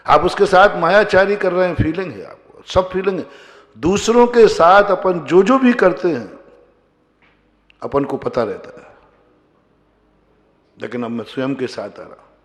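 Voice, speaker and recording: Preaching Jain monk in an echoing hall. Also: male voice, expressive, unhurried, pauses often. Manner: rhetorical questions to the audience, rising to emphatic outbursts then dropping low. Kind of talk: sermon. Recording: long hall reverb.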